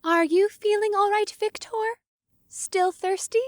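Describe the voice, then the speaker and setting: Woman voicing a bubbly alien girl, high, excitable, audiobook, dry sound. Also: measured pace, no room sound. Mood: cheerful. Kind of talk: audiobook character voice.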